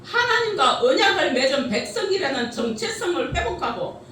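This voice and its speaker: High, lively woman preaching in an echoey hall. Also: moderate pace, a little hiss or hum. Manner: lively preaching with rhetorical questions and frequent laughter. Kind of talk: sermon. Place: church sanctuary. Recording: echoey church hall from a distance.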